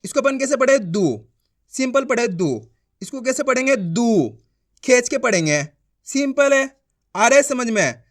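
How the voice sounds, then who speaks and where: Woman teacher slowly sounding out syllables, says each one twice, keeps asking if you got it, bouncy high voice. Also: animated. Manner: checks understanding with quick questions. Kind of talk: beginner reading lesson.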